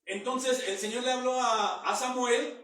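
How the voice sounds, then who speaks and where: A man's voice: very high-pitched, fairly even intonation, unhurried, fairly bright tone. A man preaching a Bible teaching sermon, reading verses aloud and then explaining them in plain words. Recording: very echoey room, mic far off.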